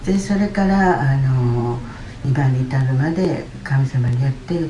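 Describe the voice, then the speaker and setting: Low-voiced woman from giving testimony. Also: unhurried, reverberant, slight background noise, rough recording. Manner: chatty storytelling, lively retelling. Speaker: church member giving testimony. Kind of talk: personal healing testimony. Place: church hall.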